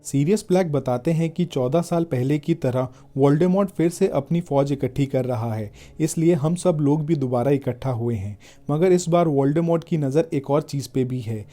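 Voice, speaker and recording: A man narrating a film's story in a steady, scripted storytelling voice. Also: on the high side, moderate pace, few pauses, faint music behind. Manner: steady, even storytelling delivery. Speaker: film recap narrator.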